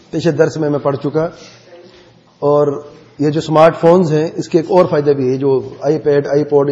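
A man's voice: on the high side, dark tone. A man teaching a class, explaining patiently and encouraging his students. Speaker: religious teacher. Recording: dull audio in a reverberant hall.

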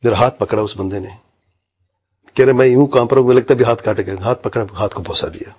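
A man preaching in a storytelling way, retelling anecdotes through quoted dialogue and sometimes dropping into low, quiet asides. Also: slightly rough, dull audio. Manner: mixes English medical terms into his speech. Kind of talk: sermon storytelling.

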